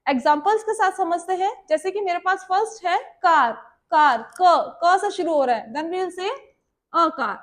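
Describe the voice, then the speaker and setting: Woman, Indian accent, Hindi speaker, very high-pitched, grammar teacher, step-by-step explanations. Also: unhurried, a bit bright. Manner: explains step by step, checks understanding often. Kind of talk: classroom grammar lesson.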